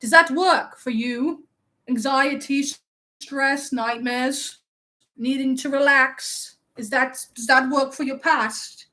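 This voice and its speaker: A woman's voice: high-pitched, steady tone, takes it slowly, bright, forceful tone, exaggerated voice. A woman streamer playing a vain, playful young male wizard, chatting in a teasing, mock-offended way while hosting a live-stream role-play. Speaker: livestream host.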